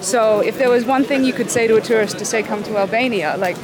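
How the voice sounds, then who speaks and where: Vrouwelijke interviewer op een drukke straat. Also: female voice, a little high, fast talker, low-quality recording. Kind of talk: casual street interview. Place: outdoors on a busy city street. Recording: busy street, crowd and traffic. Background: street bustle and vehicles.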